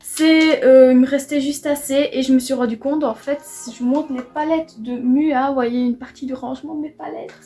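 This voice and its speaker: A woman's voice: high-pitched, steady tone, moderate pace, hardly any pauses, dark tone. A young woman casually chatting through a makeup try-on at home, enthusiastic and full of fillers. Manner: chatty, enthusiastic, repeats "franchement" often. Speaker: beauty vlogger. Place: home room near a window.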